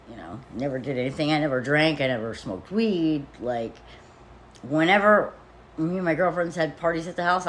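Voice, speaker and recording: A woman's voice: deep voice, slight background noise. A woman casually telling a personal story in a rambling way, with lots of "like" fillers and blunt, profane wording. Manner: rambling, with frequent "like" fillers and nervous laughs. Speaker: vlogger.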